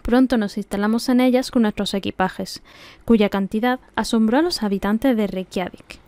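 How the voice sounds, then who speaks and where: A woman's voice: on the high side, moderate pace, a little mellow, no echo. A woman with an Andalusian Spanish accent reads a classic novel aloud as scripted audiobook narration. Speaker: audiobook reader.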